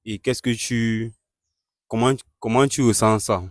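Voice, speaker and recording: A man hosting a staged street-interview skit, questioning a couple and repeatedly urging an angry guest to calm down. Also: mid-range voice, unhurried, dry recording, clean studio sound. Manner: keeps urging calm, repeats calming phrases.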